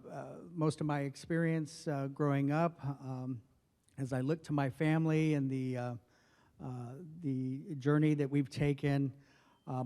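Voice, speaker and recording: Speaking softly with frequent pauses and fillers, a man in his forties from northwestern New Mexico, a federal health official, delivers personal remarks at a formal event. His voice is medium-pitched, picked up by a podium mic amid the long reverb of a big hall.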